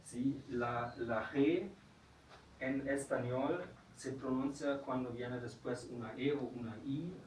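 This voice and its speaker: Slow, patient teacher in echoey classroom. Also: male voice, medium pitch, darkish tone. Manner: patient, modeling words for repetition. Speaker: German teacher. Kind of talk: classroom pronunciation lesson. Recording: echoey room, distant mic, background noise.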